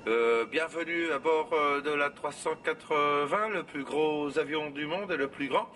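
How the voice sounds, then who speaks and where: A man's voice: fairly high pitch, measured pace, pushed and bright, a little hiss or hum. A man playing a bumbling French pilot on the intercom. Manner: hesitant, stumbling broken English full of "euh". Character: bumbling male airline pilot making cabin announcements. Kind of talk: comedy sketch. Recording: distant voice with faint ambience.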